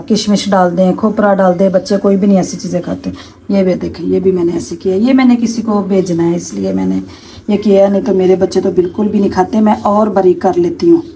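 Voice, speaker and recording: A woman's voice: medium pitch, mellow, slight background noise, poor audio. A middle-aged woman chatting homely to her viewers as she cooks in her home kitchen, filmed on a phone camera. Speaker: cooking vlogger. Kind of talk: casual cooking vlog narration.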